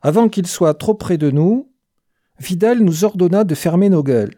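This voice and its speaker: A reader narrating a first-person war story in a slow, deliberate voice with a blunt, slangy tone. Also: medium pitch, expressive, mellow, no room sound, studio quality. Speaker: audiobook narrator.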